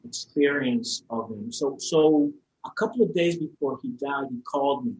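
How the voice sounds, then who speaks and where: A man's voice: medium pitch, moderate pace, darkish tone, low-quality recording. A man telling a personal story as a podcast guest, heartfelt and open, often repeating and restarting his words. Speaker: interview guest.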